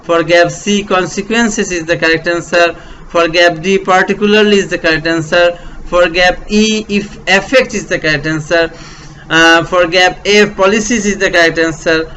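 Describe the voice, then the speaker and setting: Bangladeshi man, English tutor, high bright voice, unhurried drill-style delivery with "uh" fillers, faint hiss. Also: steady tone, lo-fi sound. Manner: slow, repetitive, step-by-step explaining with fillers. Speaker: teacher. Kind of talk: online English grammar lesson.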